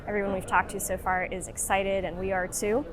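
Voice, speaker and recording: A woman representing her company, giving an upbeat promotional pitch in a trade show interview. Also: level tone, a little fast, a crowd in the background.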